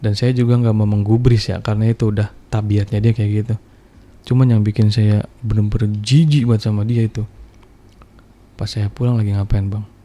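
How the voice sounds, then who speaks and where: Seorang pria berlogat bercerita santai tentang pengalamannya, blak-blakan, kasar, dan penuh bahasa gaul. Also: male voice, lowish voice, flat delivery, a little fast, mellow. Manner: blunt, profane, slangy. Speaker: guest telling a personal story. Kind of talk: casual storytelling chat.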